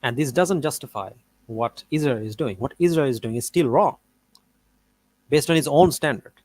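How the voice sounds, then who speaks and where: A man's voice: mid-range voice, moderate pace, darkish tone, dry recording, poor audio. A man reviewing a debate clip in casual reaction commentary, arguing his points in a rambling way. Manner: argumentative, rambling, with fillers.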